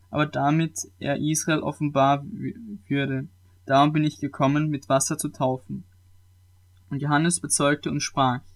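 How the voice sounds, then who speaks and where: Man reading scripture aloud, slightly high. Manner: measured reading with occasional small restarts.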